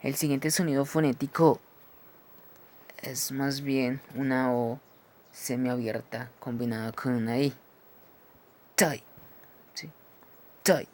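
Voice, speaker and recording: Guy teaching phonetics, real slow and patient, asks "¿sí?" a lot, mid voice. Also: medium pitch, level tone, darkish tone. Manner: slow, explains each symbol, checks with "¿sí?" and "¿cierto?". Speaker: English teacher. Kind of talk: phonetics lesson.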